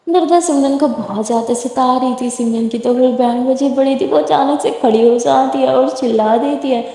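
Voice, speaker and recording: A woman's voice: high voice, warm tone. A woman narrating a romance story in a chatty, unscripted way, recorded in an echoey room. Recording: echoey room, long reverb.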